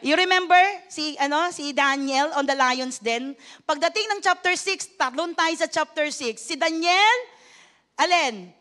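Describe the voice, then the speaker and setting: A woman pastor preaching a sermon in Tagalog mixed with English phrases. She calls on the congregation for amens and applause, and she moves between loud exclamations and hushed, low lines. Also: unhurried.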